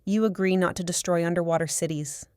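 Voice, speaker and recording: A mermaid queen addresses humans with formal, unhurried composure, voiced by a woman reading the story. Her voice is low and smooth, recorded close and dry for an audiobook. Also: steady tone, mellow, no room sound, natural voice. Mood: composed. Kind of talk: audiobook character voice.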